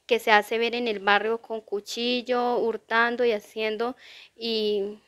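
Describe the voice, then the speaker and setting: Aggrieved woman giving news testimony, higher voice, little melody, indignant and insistent. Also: level tone, measured pace, a bit bright. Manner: indignant, repetitive complaint. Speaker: burglary victim. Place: outdoors near a drainage channel.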